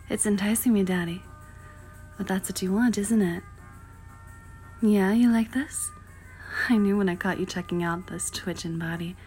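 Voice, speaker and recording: A woman in an intimate audio roleplay, talking in a flirty, playful way with retro slang, often dropping to breathy whispers and giggling. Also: mid-range voice, a little mellow.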